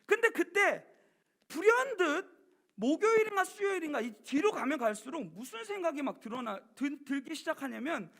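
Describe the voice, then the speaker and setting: Animated man preaching, bright, gravelly. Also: very high-pitched, moderate pace. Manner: animated storytelling, swinging between loud and hushed. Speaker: pastor. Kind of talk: youth sermon. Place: church.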